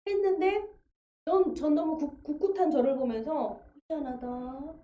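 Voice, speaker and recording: A woman's voice: sits high, lively intonation, moderate pace, dark tone. A woman preaching a testimony sermon in a church, telling her story vividly and acting out the voices she quotes. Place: church sanctuary. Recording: echoey church livestream, dull sound.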